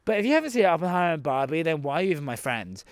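At an outdoor zoo, a dramatic young man in his twenties races through a sassy, camp vlog monologue, talking to the camera and the animals alike. His voice leans high and sing-song. He records on a handheld phone kept close, and the audio has no room sound.

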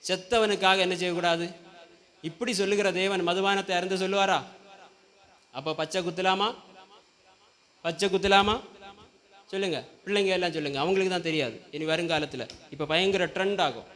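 A man's voice: sits high, normal speed, pauses often, a bit bright. A man preaching a Sunday sermon in a church, often asking the congregation questions and prompting them to call back. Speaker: pastor.

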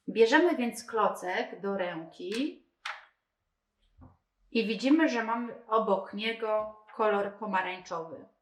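Woman walking through a kids' game step by step, real slow, echoey room. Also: a little high. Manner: slow, methodical, talking through each move. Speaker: presenter of a reading game. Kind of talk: step-by-step demonstration. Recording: roomy indoor echo.

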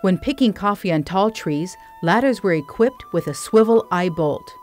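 A woman reading scripted documentary narration in a calm, measured voice-over. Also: lowish voice, faint music behind. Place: studio voice-over.

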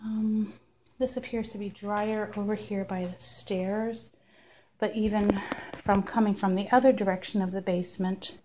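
A woman slowly narrating a walkthrough of a damp basement, thinking aloud and often clearing her throat. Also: medium pitch, flat delivery, a little mellow, a little hiss or hum. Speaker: property inspector. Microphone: phone camera held while walking.

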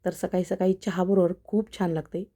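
A woman's voice: fairly low pitch, flat delivery, brisk, warm tone. A middle-aged woman, talking casually to viewers in a homely cooking vlog. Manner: chatty, homely, addresses viewers directly. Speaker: vlogger, mother.

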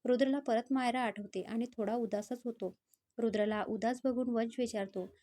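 Woman storyteller, steady reading, slightly high and mellow. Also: normal speed. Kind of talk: scripted story narration.

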